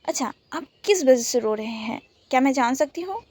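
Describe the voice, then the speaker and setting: A woman's voice: sits high, moderate pace. A woman voicing a caring, playful young woman. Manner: teasing and pleading, lively.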